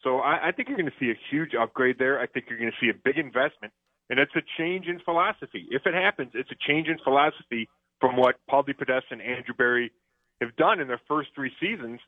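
A man's voice: medium pitch, quick pace, dry recording. A man discussing football on sports radio, talking conversationally with plenty of fillers and restarts. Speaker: football analyst. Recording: dry phone-line audio.

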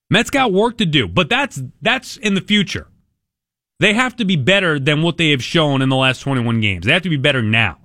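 A man's voice: on the high side, bright, forceful tone, dry recording, studio quality. A man hosting sports talk radio, giving opinionated commentary with emphatic repetition and rhetorical questions.

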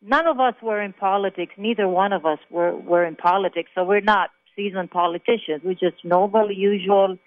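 A woman's voice: medium pitch, moderate pace, few pauses. Woman from Israel, radio call-in guest, emphatic chatty storyteller, tinny phone-line sound. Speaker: caller. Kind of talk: phone interview on talk radio.

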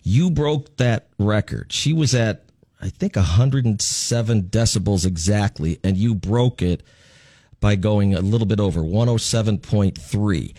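Mellow, dryly recorded man, sarcastic radio host. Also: on the low side, unhurried, no echo, clean studio sound. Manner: sarcastic, irreverent. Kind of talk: casual joking radio interview.

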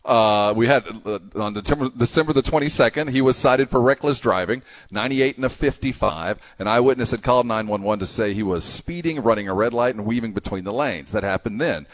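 A man co-hosting sports radio with casual talk and a halting, stammering delivery. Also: medium pitch.

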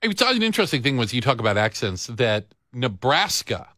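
Joking guy on a talk radio show, bright voice, bouncy pitch, dry studio sound. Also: brisk, no echo. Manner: joking, animated, teasing. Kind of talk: casual chat.

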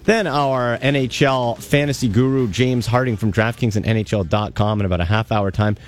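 A man with a gravelly voice, stuffed up with a cold, hosting an upbeat sports radio show in a playful, informal way. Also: medium pitch, steady tone, brisk, faint music behind. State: congested with a cold.

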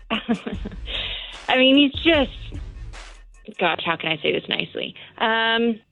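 A young woman in her twenties speaks up as a caller on a radio show, her voice set a little high. She talks bluntly and with sarcasm, plainly exasperated. Faint music plays under her. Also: lively intonation, slow pace, a bit bright, highs cut off. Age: 20s. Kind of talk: phone call on a radio show.

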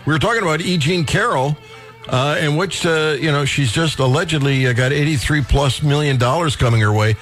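A man hosting a talk radio show, chatting casually with a guest in a halting way with many fillers. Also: on the high side, a bit bright, soft background music.

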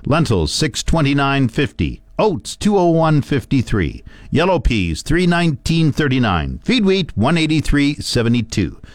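Guy hosting a radio farm report, super animated pitch, dry studio sound. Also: dry recording. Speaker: farm news radio host. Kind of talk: radio farm report, scripted market read.

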